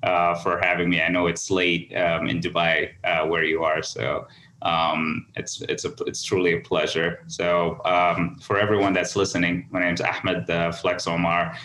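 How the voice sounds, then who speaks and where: A man from Somaliland with a low, even, bright-toned voice, heard over a call in an echoey room. He tells his story earnestly and haltingly, often restarting his sentences. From Somaliland, raised in the UAE. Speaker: podcast guest. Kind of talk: conversational storytelling. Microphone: remote call.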